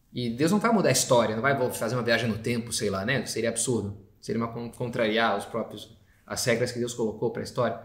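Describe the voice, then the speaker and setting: A man's voice: medium pitch, fairly bright tone. A man, a priest, giving a spoken meditation in a casual, conversational way with slangy asides and frequent tag questions. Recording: echoey room.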